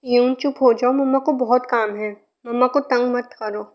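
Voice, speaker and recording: Overwhelmed young mother in a fanfic reading, read by a woman; high, strained, lo-fi. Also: fairly even intonation, normal speed, natural voice. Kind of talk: fan fiction reading. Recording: muffled lo-fi recording.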